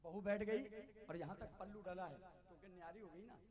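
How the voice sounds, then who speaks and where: A man's voice: high-pitched, a little fast. A man from Uttar Pradesh, a devotional singer and stage host, narrating comic skits theatrically and calling out to the crowd as devotees. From Uttar Pradesh, India. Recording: live music played behind.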